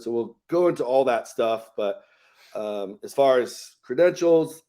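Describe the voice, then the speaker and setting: A man's voice: medium pitch, warm tone. This is a man in his fifties who co-hosts a live health show as a coach. He talks earnestly, stopping often on "and, uh" before going on. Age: 50s. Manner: earnest, pausing often with "and, uh" fillers. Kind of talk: live show talk and storytelling.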